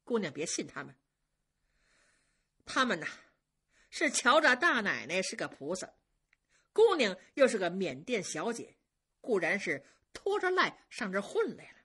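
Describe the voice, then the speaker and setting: A woman storyteller voicing a sharp-tongued young female head maid who scolds the servants briskly and commandingly. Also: medium pitch, very animated, slightly rough, exaggerated voice. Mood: placating.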